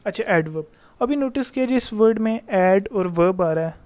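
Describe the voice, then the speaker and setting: A man teaching a grammar lesson in a voice-over, explaining in Hindi mixed with English terms, reading the English examples slowly and answering his own questions in a chatty way. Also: sits high, lively intonation, a little mellow. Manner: reads English example sentences slowly and deliberately.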